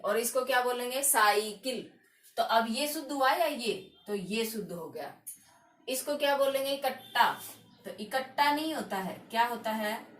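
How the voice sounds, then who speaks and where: A woman teaching a grammar lesson, drilling each word slowly and answering her own questions on her words. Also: on the high side. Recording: echoey room, voice from a distance.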